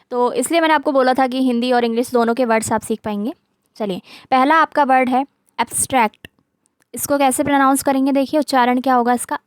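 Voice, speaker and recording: A woman's voice: high voice, no room sound. A woman giving an online exam-prep lesson, reading out word lists and their meanings, often checking in with "theek hai". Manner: reads terms aloud, mixes English words into Hindi. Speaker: teacher.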